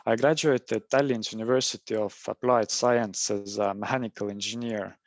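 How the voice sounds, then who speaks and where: A young mechanical engineer from Estonia, with an Estonian accent, speaks on a career panel during a webinar. His voice is on the low side and steady at a normal speed, and the recording is dry. He hesitates often, restarting sentences with a repeated "and, and."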